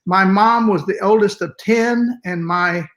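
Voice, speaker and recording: An older man with a West Texas accent and twang, reminiscing conversationally in a folksy, halting way as an interview guest. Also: high voice, fairly bright tone. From West Texas, United States. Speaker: interview guest, music educator.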